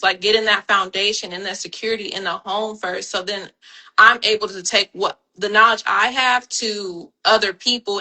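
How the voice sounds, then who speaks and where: A woman in her thirties, a doula and homeschooling mother, telling her story as a guest in a relaxed way with frequent fillers. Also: mid-range voice, rough recording. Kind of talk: personal story on a live panel.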